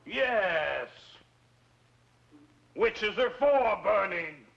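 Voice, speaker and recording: A man's voice: sits high, animated, drawn-out words, vocal fry, heavily acted. An actor playing a cruel, deceitful village man who speaks stiffly and coldly in a 1960s film. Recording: dull lo-fi film sound with faint noise.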